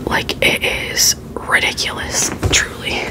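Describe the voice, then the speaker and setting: Casting: woman for whispered ASMR vlog, soft and fully breath-voiced, informal, opinionated chat. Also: takes it slowly. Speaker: beauty vlogger.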